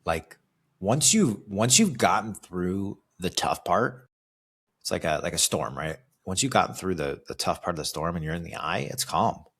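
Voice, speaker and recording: A Californian man, a fitness coach hosting his own podcast, speaks in a low, slightly bright voice with a breathy edge and lively intonation at normal speed. His solo motivational monologue is casual and conversational, with many phrases ending in a questioning "right?"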